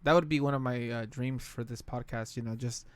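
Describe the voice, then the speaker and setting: A man's voice: mid-range voice, steady tone, a little fast. Stammering man on a beer podcast. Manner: stammering, repeats words, hedges with "you know". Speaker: podcast co-host. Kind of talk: casual chat.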